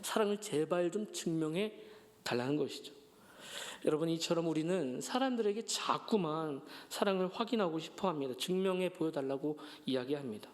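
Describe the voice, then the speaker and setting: High-voiced Korean pastor telling a story. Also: male voice, a little fast. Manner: storytelling with acted-out quotes and gentle humor. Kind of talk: sermon. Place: church sanctuary.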